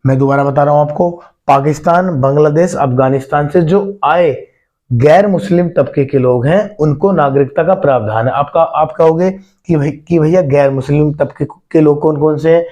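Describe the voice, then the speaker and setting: A man's voice: fairly high pitch, moderate pace, mellow, lo-fi sound. A man giving an exam-prep lesson, asking the listeners questions and repeating key points, calling them brother and friends. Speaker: teacher.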